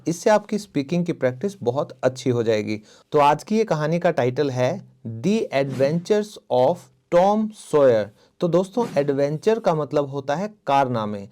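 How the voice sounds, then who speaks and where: A young man with an Indian accent teaching an English reading lesson. He reads the English slowly, word by word, and then explains it in quick, friendly speech. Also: a little high, warm tone.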